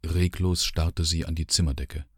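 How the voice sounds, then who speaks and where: A man narrating a literary audiobook in a measured, sombre first-person voice. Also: rumbling low, flat delivery, slightly rough, dry recording, studio quality.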